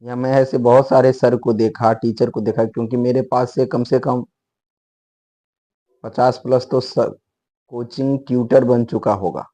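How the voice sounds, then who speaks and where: A man's voice: mid-range voice, level tone, measured pace, mellow. A man teaching spoken English in a casual, rambling lecture, explaining with frequent restarts and asides. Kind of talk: spoken English lesson in Hindi.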